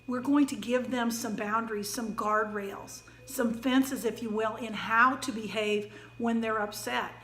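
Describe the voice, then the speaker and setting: A woman parenting educator giving a calm, gentle talk with frequent fillers. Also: fairly high pitch, measured pace, hardly any pauses, reverberant, soft background music.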